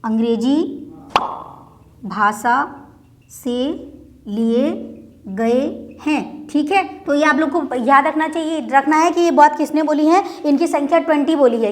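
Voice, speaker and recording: A woman teaching a Hindi exam-prep lecture, often repeating points, asking herself rhetorical questions and slowing down to dictate word by word. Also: high voice. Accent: Uttarakhand Hindi. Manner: slows down to dictate words one by one. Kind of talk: classroom lecture.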